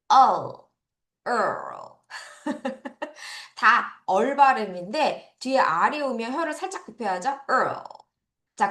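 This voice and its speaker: A Korean woman leads children through English vocabulary, her voice set high and swinging widely as she drills each word. She speaks slowly and deliberately, and the sound carries the echo of a roomy space. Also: fairly bright tone. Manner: drills words, repeating and correcting pronunciation. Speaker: English teacher.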